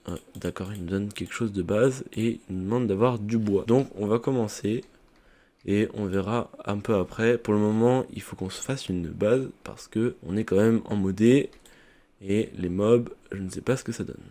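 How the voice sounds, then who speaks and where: A gaming YouTuber casually comments on his own gameplay in French, thinking aloud with many fillers in a let's-play style. His voice sits on the low side with a dark tone and moderate pace, captured on a poorly set-up mic.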